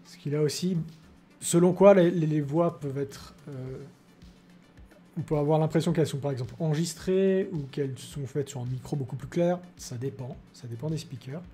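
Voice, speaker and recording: A man hosting a tech video in a casual demo style, pausing often with filler words. His voice is slightly high but mellow, and faint music runs underneath. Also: breathy edge. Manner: explanatory, many fillers.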